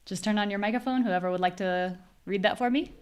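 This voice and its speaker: A woman with an American accent teaching a live online pronunciation class. She explains patiently and clearly, and she exaggerates syllables to show the stress. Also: medium pitch, quick pace, a little mellow. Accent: General American.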